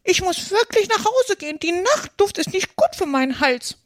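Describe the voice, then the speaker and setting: A woman doing a fussy, shrill old magpie. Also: very animated, normal speed, dry recording, studio quality. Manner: fussy and fretful.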